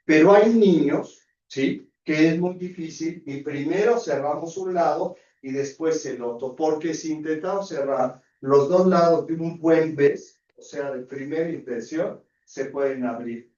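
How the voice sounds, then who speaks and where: A man's voice: fairly high pitch, measured pace, hardly any pauses, a little mellow. A man with a Mexican Spanish accent, a surgeon giving a university anatomy lecture, constantly checking in with rhetorical questions. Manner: peppers talk with rhetorical questions, tag checks. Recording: echoey distant dull lecture hall audio.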